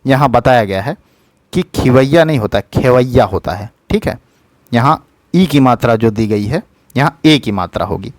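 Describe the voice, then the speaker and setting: A man tutors exam students through spelling questions in a plain, middle-pitched voice. He is patient and repeats each correct form slowly, often pausing to check in with "thik hai". The sound is dry and close to the mic. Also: animated, dry recording. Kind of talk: explaining Hindi spelling questions.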